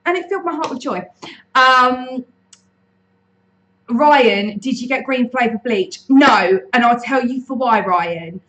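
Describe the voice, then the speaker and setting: A bubbly woman from the UK chatting on a live stream from home, her voice sitting a little high. She talks in an unhurried, easygoing way, greeting viewers one by one into a desk mic. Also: animated, a bit bright, rough recording. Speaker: lifestyle channel host. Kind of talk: casual live-stream chat.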